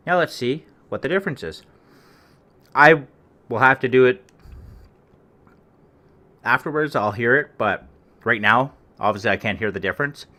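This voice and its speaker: A vlogger testing gear rambles offhand and crudely in his living room while demonstrating a homemade foam cover on a close desk microphone. His voice is lowish, pushed, and bright.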